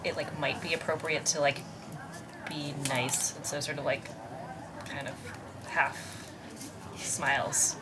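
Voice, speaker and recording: A woman's voice: low voice, flat delivery, takes it slowly, pauses often, background noise. A woman playing in a tabletop game, describing her character with lots of "like" and "sort of.". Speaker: player.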